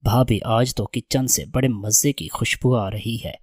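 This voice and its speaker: A man's voice: mid-range voice, steady tone, darkish tone, breathy edge, no room sound, clean studio sound, lightly acted. A man voicing an impatient young brother-in-law in a read-aloud story, in a plain reading voice. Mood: cheerful. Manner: plain reading voice, barely changed.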